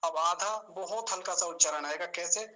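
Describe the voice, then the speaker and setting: A man teaching an online class on pronunciation, patiently explaining and slowly repeating sounds to demonstrate them, speaking over a video call. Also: high voice, bright, forceful tone, rough recording. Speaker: Sanskrit teacher.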